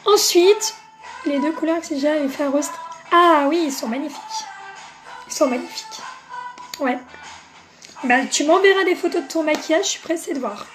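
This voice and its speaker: A woman's voice: sits high, moderate pace, pauses often, faint music behind. A woman hosting a makeup live stream, chatting casually with viewers and greeting them by name, with plenty of fillers.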